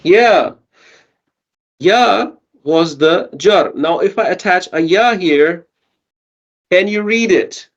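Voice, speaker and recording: A man's voice: high-pitched, expressive, slow pace, pauses often, dull audio. A man teaching a Quranic Arabic grammar lesson online, patiently asking his students questions and checking in with them.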